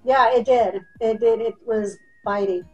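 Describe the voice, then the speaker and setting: A woman's voice: a little high, fairly even intonation, unhurried, muffled recording, soft background music. A middle-aged woman chatting casually and exclaiming as she reacts to eating sour candy. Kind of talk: casual chat in a challenge video. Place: dining room at home. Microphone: camera across the table.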